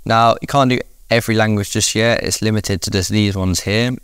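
A man hosting a casual software tutorial, explaining each step in a relaxed way. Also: fairly low pitch, a little fast, clean tone, no echo, studio quality. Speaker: tutorial host.

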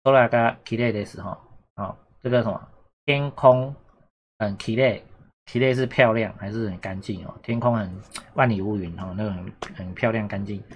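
A man's voice: fairly low pitch, fairly even intonation, moderate pace, a little hiss or hum. Chatty male language teacher. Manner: chatty, repetitive, asks "懂哈？有没有？" often. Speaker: Japanese teacher. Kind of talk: casual exam-prep lesson.

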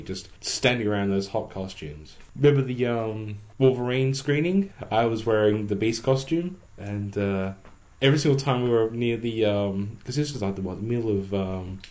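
A man's voice: lowish voice, a little mellow. A man hosting a podcast, talking casually and joking often. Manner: chatty, quick to joke, says "you know" often. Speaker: podcast host. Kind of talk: casual chat.

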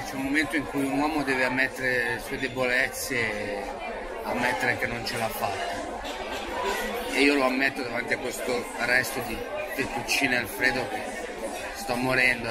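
A man's voice: medium pitch, steady tone, normal speed. A young man chatting casually to camera as a food vlogger, addressing his viewers with jokes while he eats in a busy restaurant, filmed on a small handheld camera mic at arm's length. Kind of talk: casual vlog talk to camera. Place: busy restaurant in a shopping mall. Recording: noisy crowd and music behind. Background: loud crowd chatter and music.

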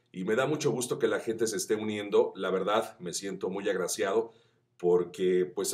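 A man teaching voice acting, chatty and encouraging, who demonstrates shouts that climb up the pitch scale. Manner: addresses viewers as friends, chatty and encouraging. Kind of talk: tutorial.

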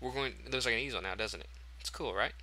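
A man's voice: mid-range voice, quick pace, sharp tone. A man hosting a casual game tutorial, chatty and thinking aloud as he corrects himself. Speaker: tutorial host.

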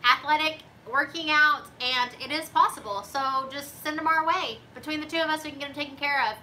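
Upbeat co-host, late twenties, high and bright, casual phone live stream. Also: female voice, brisk, distant mic, slight background noise, poor audio. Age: 20s. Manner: excited, upbeat. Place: home kitchen. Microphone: phone camera at arm's length.

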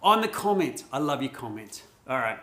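A man's voice: mid-range voice, very animated, moderate pace, fairly bright tone, reverberant. A middle-aged Australian man hosting a casual DIY vlog from his home garage, laid-back and chatty with plenty of ums. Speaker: host.

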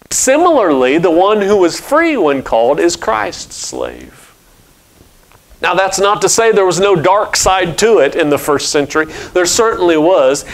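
An older man, a pastor, preaching a steady explanatory sermon from a church pulpit on a headset mic. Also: on the high side. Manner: explanatory teaching, steady and measured.

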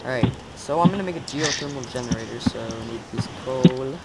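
A man's voice: medium pitch, quick pace, over a noisy crowd. A man chatting casually while playing a game with friends, easygoing and narrating what he is doing as he goes. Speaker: player in a game series. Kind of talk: casual gaming chat. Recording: hissy, noisy recording.

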